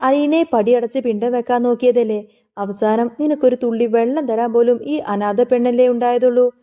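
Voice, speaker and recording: A woman voicing a stern middle-aged husband who lectures gravely. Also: fairly high pitch, fairly even intonation, normal speed, close to an everyday voice. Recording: phone-like narrow sound.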